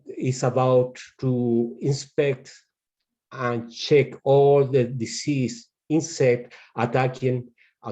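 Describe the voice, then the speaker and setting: In this muffled recording, a pest control specialist from Chile gives a webinar in halting, non-native English colored by his Chilean Spanish accent. He speaks at a medium pitch with a dark tone.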